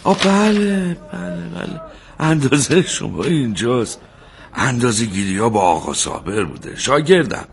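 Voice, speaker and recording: An actor playing a devout neighborhood tailor who apologizes and reasons with an angry customer. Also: male voice, medium pitch, gravelly, slight background noise. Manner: pleading and apologetic, reasoning calmly. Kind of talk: television drama acting.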